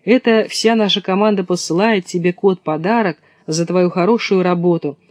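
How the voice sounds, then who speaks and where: A man's voice: high-pitched, fairly even intonation, normal speed, no room sound, clean studio sound, lightly acted. A man voicing a cheerful ship captain and father in a storybook reading, in a hearty manner. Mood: delighted.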